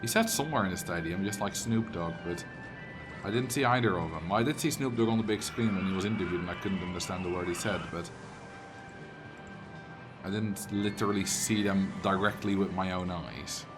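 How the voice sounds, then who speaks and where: This deep-voiced Dutch-accented streamer talks a little fast, chatting casually and rambling while he games and answers what viewers write. Game music can be heard behind him.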